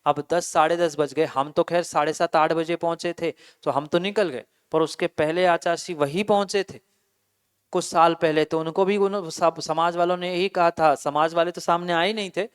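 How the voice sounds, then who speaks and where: A monk preaching a sermon in a clear, ringing voice pitched somewhat high for a man. He questions his listeners directly and tells a story to make his point. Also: fairly even intonation, moderate pace. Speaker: Jain monk.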